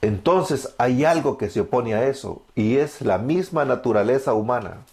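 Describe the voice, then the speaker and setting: Speaking in a Salvadoran Spanish accent, a Salvadoran man in his thirties preaches his testimony fervently, asking and answering his own questions. His slightly mellow, medium-pitched voice is animated and moves at normal speed.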